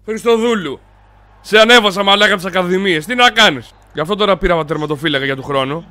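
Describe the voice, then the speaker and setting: A young man loudly commenting while he plays a football video game, cheering and cursing at his players. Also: high-pitched. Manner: loud, excitable, yells and swears at his players. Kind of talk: excited gaming commentary.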